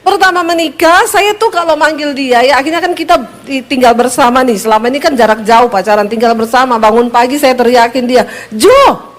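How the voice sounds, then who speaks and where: A woman pastor with a Sulawesi accent, preaching a humorous sermon in a lively, joking way before a congregation in church. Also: high voice, brisk.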